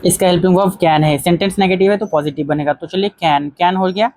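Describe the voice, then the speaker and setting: A patient grammar teacher walks through quiz questions, saying each rule twice and dictating example sentences word by word. The voice sits at an ordinary middle pitch. It is recorded dry and close, with no room around it. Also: a little mellow, no echo. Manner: repeats key phrases, reads example sentences slowly; addresses viewers as friends. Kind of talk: explanatory grammar lesson.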